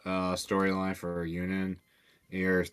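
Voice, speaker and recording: Deep-voiced mod dev, rambling casual stream talk, swears. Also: male voice, completely flat delivery, slow, clear, resonant tone. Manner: rambling, loose talk full of fillers and swearing.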